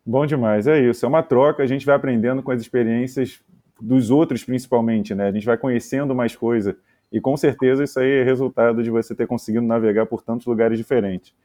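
Mellow-voiced male interviewer. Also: mid-range voice, fairly even intonation, fairly quick. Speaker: interviewer, host. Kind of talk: casual interview questions.

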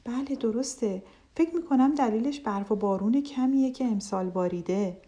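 A sensible, cautious duck from a children's fable lays down the rules in a confident, reassuring way, voiced by a woman storyteller. Her voice is warm and mellow, a little high. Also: lo-fi sound, close to an everyday voice. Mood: firm.

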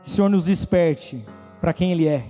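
Animated high-voiced preacher in a reverberant hall. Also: male voice, normal speed, soft background music. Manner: animated, slangy, acts out quoted voices. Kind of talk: casual youth sermon.

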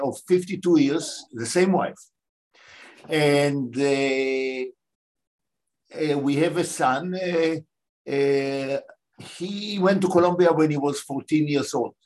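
An older man from Israel, a guest answering interview questions in a measured, pausing way. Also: fairly high pitch.

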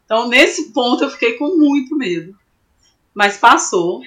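A young woman from Brazil telling an animated story in a casual interview, laughing often and acting out what people said. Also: on the high side, a little slow. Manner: animated, laughs often, acts out quoted voices. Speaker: climber guest.

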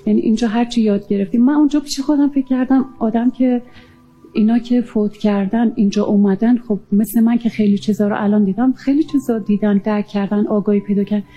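A woman recounting a near-death experience in an earnest, halting way, often pausing with fillers. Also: fairly high pitch, steady tone, dark tone, highs cut off, soft background music. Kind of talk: emotional personal testimony.

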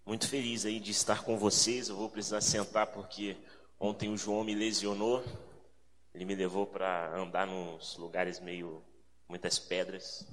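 A guest preacher from Rio de Janeiro, with a carioca Brazilian Portuguese accent, delivers a conversational sermon mixing prayer and scripture reading to a congregation in a large, reverberant hall. His voice sits on the low side with little pitch movement, a measured pace and a slightly bright tone. He's informal and reflective, repeating phrases for emphasis, and there's a little hiss or hum under the echoey hall sound.

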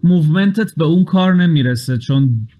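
A man's voice: a little high, animated, dark tone. A man running a tabletop game as game master, walking the players through the rules step by step and dropping English game terms into his speech.

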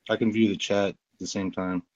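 A man speaks through a cell phone on speakerphone, and the call-in audio comes through dull and lo-fi. His voice sits fairly low. He gives short, plain answers with some hesitant fillers. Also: flat delivery, brisk, a little mellow. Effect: cell phone on speakerphone over a call-in line. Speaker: business owner calling in as guest. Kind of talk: casual chat.

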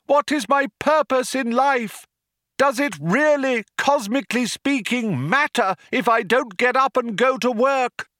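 A man's voice: very high-pitched, unhurried, pushed and bright, no room sound, clean studio sound, voice pushed up, heavily acted. A man voicing a fervent male orator who cries out grand proclamations to an ecstatic crowd. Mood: rapturous proclaiming. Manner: grand, declaiming, rising to a cry.

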